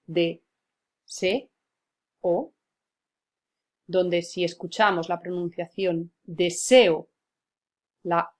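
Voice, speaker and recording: A woman teacher talks through spelling rules in a methodical, patient way. Her voice is slightly husky and sits a little low, and she breaks words into syllables one at a time. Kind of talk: spelling lesson.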